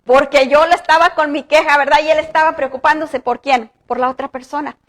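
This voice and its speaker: A woman pastor preaching a sermon in earnest, rising for emphasis and slowing down to read scripture aloud. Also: sits high, fairly even intonation, a bit bright. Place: church.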